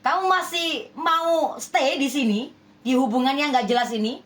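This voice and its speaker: Woman, high voice, spiritual reader; speaks to the viewer with emphasis, scolding and persuasive. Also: normal speed, a bit bright. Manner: emphatic, repeats rhetorical questions like "ya kan?". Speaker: spiritual healer giving love readings. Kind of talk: direct address to viewers, relationship reading.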